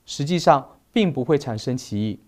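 A man teaching a recorded grammar lesson, slowly listing verb forms one by one. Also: medium pitch, expressive, a little mellow. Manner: slow, deliberate, spells out verb forms one by one. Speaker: Spanish teacher.

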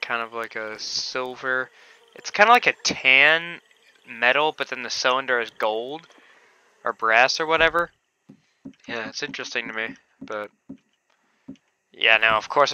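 A man chats through his gameplay in a casual, meandering way, pausing on fillers and swearing offhandedly. His voice is sharp and bright with a smooth, clean tone. The recording sounds dull and lo-fi. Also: medium pitch. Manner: rambling, hesitant, with casual swearing. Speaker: game streamer.

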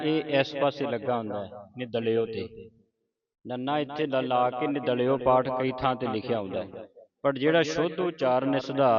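A man with a Punjabi accent teaching the recitation of scripture, chanting each verse slowly and then explaining how it is pronounced. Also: medium pitch, lo-fi sound. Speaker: Gurbani pronunciation teacher.

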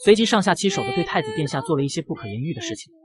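A woman narrating a manga recap in brisk storytelling style with playful asides. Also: fairly low pitch, wildly swooping pitch. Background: loud background music.

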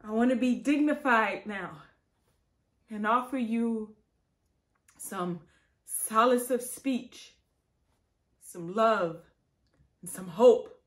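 A woman in her thirties performing a dramatic monologue as a dignified, grieving activist, tragic and solemn with weighted pauses and righteous anger. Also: on the high side. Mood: solemn sorrow. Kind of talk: dramatic monologue, acted for camera. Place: indoors, plain studio backdrop.

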